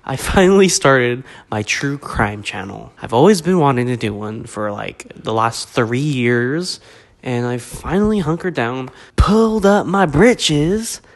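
A man's voice: mid-range voice, animated, a little slow, vocal fry. A young man with a stuffed-up, congested voice from a cold, giving a joking, rambling, self-deprecating casual vlog update. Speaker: vlogger.

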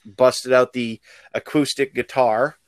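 A man's voice: mid-range voice, steady tone, takes it slowly, smooth, dry recording. A man co-hosting a band podcast in a casual, jokey way. He laughs often as he talks. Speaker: podcast co-host, band member.

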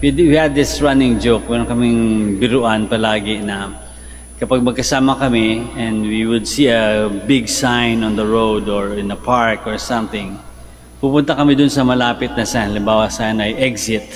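A man's voice: steady tone, moderate pace. An older Filipino man, a priest, giving a conversational homily that mixes English and Tagalog, his voice climbing sharply for emphasis. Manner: conversational, rises in pitch for emphasis and quoted lines. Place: large church, at the altar. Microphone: fixed mic from a medium camera shot. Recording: long church reverb, faint noise.

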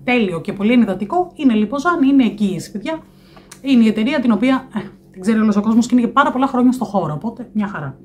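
A woman's voice: a little high, a little mellow. A woman in her thirties talks straight to a nearby camera in a small room, walking through products with an easy, chatty flow. She often stops on a filler "e" before brand names. A faint hiss sits under her voice. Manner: chatty, fills pauses with "e". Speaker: vlogger. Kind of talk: product review vlog. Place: small room indoors by a window.

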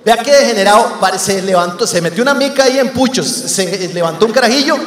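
A man with a Costa Rican accent doing stand-up comedy, telling a crude, swearing story with lively energy on a theater stage. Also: high-pitched, fast talker, roomy sound, in a large hall.

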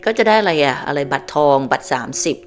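A chatty woman in her fifties from Thailand, telling stories to her viewers in a casual vlog. Her voice sits very low for a woman, and she repeats phrases as she goes. Soft music plays faintly behind her. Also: expressive, fast. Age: 50s. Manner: chatty, repeats phrases, refers to herself as auntie. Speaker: vlogger. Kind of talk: casual storytelling monologue. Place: home in Canada.

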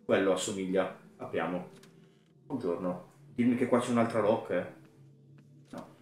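A young man commenting on a horror game as he plays, muttering quietly to himself and yelling when something startles him. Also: deep voice, normal speed, echoey room, faint music behind. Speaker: gaming YouTuber.

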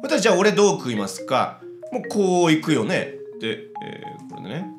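A man giving casual let's-play commentary, chatty and excitable, talking to himself as he plays. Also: on the high side, brisk. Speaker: game commentator. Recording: roomy echo with background music.

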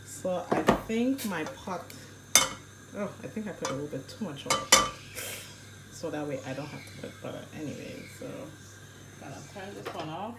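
A Haitian woman with a deep, lively voice cooks in her home kitchen at a normal pace, chatting casually with viewers and wandering into rambling asides. This cooking vlogger films on a phone held in one hand, and the echoey kitchen carries the noise of the stove and pots.

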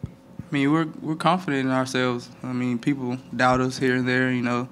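Young male athlete at a press table mic, flat steady delivery, light room ambience. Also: mid-range voice, a little hiss or hum. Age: young adult. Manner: flat, measured, many "I mean" fillers. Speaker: college football player. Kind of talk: postgame press conference answers. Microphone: table microphone.

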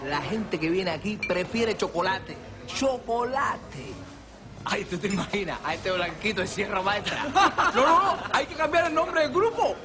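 A man's voice: sits high, expressive, a little slow, music in the background. An actor with a Cuban accent playing a joking, teasing male musician who laughs often. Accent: Cuban Spanish. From Cuba. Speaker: musician friend.

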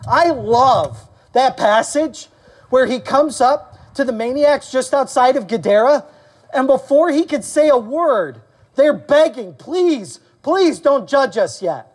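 A male pastor preaching a sermon to his church, animated, questioning the congregation and calling for amens. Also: measured pace. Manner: animated preaching, acting out quoted voices with rising pitch. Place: church service.

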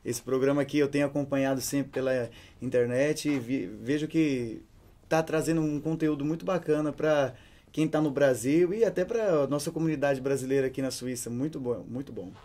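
A young man from Brazil with a Brazilian Portuguese accent, a singer answering interview questions in a relaxed, chatty way. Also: medium pitch, normal speed. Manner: relaxed, chatty, with many fillers. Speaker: singer and songwriter, interview guest. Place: hotel room studio set.

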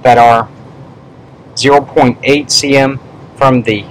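A man dictating a medical specimen report in a measured way, speaking the punctuation aloud. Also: mid-range voice, low-quality recording. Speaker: pathology specimen prosector. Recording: steady background room noise.

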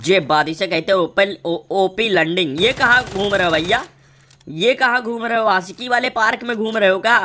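A man's voice: high voice, moderate pace, sharp tone, a little hiss or hum. A man giving live gameplay commentary, full of crude jokes, teasing and playful trash-talk. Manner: playful sing-song riffs. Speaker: gaming streamer.

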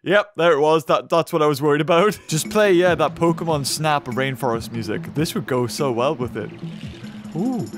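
A young man with a sore, rough throat narrates his gameplay in a casual, excitable way. His voice sits a little high and swings widely as he reacts. Game music plays softly underneath. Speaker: gaming video host.

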